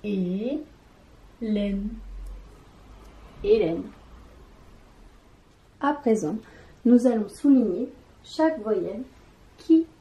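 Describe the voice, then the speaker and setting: A woman giving a children's reading lesson, speaking slowly and carefully, sounding out syllables and talking straight to the child. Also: medium pitch, lively intonation, dark tone, echoey room, rough recording. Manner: addresses the child directly. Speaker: teacher.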